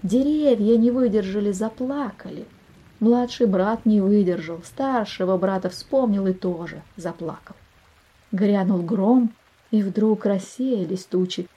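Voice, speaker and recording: A woman narrating a fairy tale for children in a gentle, expressive storytelling manner, speaking directly to the listener. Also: mid-range voice, a little slow, slightly rough.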